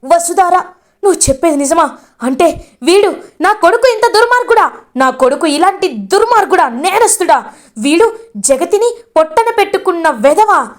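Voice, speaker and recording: A woman's voice: extremely high pitch, very animated, normal speed, voice pushed up. A woman voicing a shocked elderly father crying out in anguish. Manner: anguished, shouting.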